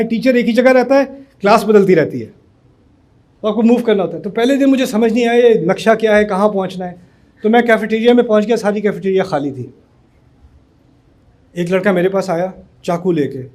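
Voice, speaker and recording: A man from Pakistan speaks to a university audience in a loose, storytelling way. His voice sits fairly high for a man. He slips English words into the flow as he talks. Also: darkish tone. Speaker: speaker addressing university students. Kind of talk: motivational talk.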